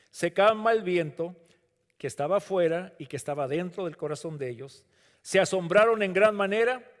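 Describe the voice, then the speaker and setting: Man, Latin American Spanish accent, preaching, hushed then emphatic, long hall echo. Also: a little high. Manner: swings between hushed, drawn-out lines and rising, emphatic calls. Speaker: pastor. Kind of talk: sermon. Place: church sanctuary.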